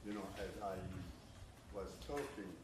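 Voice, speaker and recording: Slow, halting man in his seventies. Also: lowish voice. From Syria. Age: 70s. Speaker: audience member. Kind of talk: slow personal remarks from the floor. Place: event hall with an audience. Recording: roomy, from far off, noisy.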